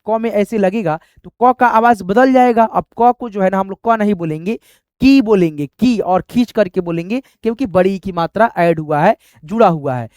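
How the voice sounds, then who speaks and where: A patient male teacher explains a lesson slowly and step by step, returning again and again to the same point. He keeps checking that his students follow with short tag questions. The sound is dry, with no room echo. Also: sits high, darkish tone. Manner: patient, repetitive, often addresses listeners as friends. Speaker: Hindi and English teacher.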